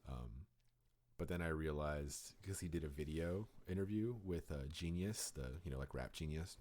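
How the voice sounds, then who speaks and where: A man's voice: a bass voice, moderate pace. A man co-hosting a podcast, chatting casually and rambling through stories with lots of fillers. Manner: rambling, animated storytelling with many fillers. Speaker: podcast co-host. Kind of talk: casual chat.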